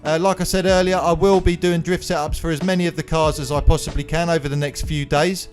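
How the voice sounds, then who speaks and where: A man's voice: a little high, fairly even intonation, fast. A man hosting a gaming tutorial voice-over in a casual way, his speech slightly numb-mouthed as if after dental anaesthetic. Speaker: video game channel host. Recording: music playing behind the voice. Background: music.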